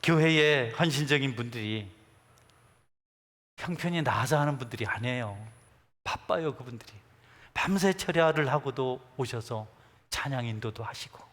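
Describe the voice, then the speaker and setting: A man's voice: mid-range voice, expressive, normal speed, long pauses, fairly bright tone. A middle-aged man preaching a sermon as pastor, emphatically exhorting his congregation and calling for amens. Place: church sanctuary. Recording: echoey church hall.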